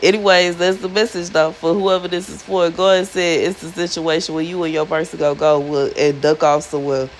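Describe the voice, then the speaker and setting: A woman's voice: fairly low pitch, steady tone, fairly quick, hardly any pauses, slight background noise, poor audio. Chatty woman in her thirties. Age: 30s. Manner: chatty, slangy, emphatic repetition. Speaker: spiritual influencer. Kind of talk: casual monologue.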